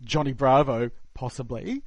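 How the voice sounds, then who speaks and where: A man co-hosting a podcast interview, teasing his guest in quick, casual talk. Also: mid-range voice, expressive, a little mellow, dry recording. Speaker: podcast co-host.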